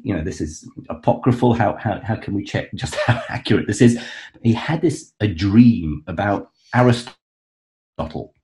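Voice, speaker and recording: A male author appearing as a guest expert explains history conversationally, hesitant but enthusiastic, with lots of restarts and fillers. His voice is fairly low and a little mellow.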